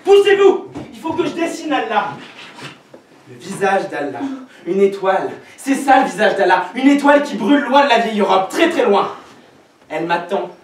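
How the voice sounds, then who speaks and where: A defiant, idealistic teenage son, played by a young man on stage, scornful toward his mother and quick to burst into shouts. His voice sits very high for a man. It echoes heavily around a hall, picked up from far away over a faint hiss. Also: big pitch swings. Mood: elated. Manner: mocking and passionate, bursts into shouts. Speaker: actor. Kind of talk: stage play performance. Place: theater stage.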